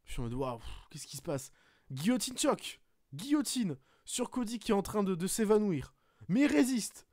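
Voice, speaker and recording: Excitable high-voiced man recapping a match. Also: normal speed, dry recording, clean studio sound. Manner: animated play-by-play retelling, frequent swearing. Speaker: podcast host. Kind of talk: casual podcast chat, excited match recap.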